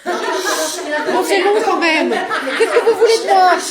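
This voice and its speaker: A woman's voice: very high-pitched, takes it slowly, a loud crowd, voice pushed up. A woman playing a lazy, indifferent teacher who drawls with amusement. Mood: smug.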